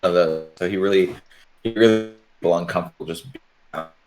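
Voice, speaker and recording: A man's voice: deep voice, moderate pace, rough recording. A man chatting casually during an online tabletop game, his speech rambling and full of restarts, with his mic cutting out over a bad connection. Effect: mic cutting out over a bad voice-chat connection.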